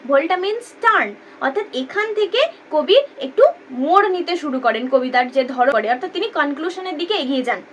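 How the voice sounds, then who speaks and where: A woman teaching a lesson, explaining patiently and repeating key terms slowly. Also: sits high, lively intonation, a little hiss or hum.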